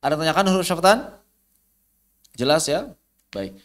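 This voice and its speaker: A man's voice: a little high, big pitch swings, moderate pace, fairly bright tone. A man with an Indonesian accent teaching tajwid online, patiently demonstrating how letter sounds are pronounced.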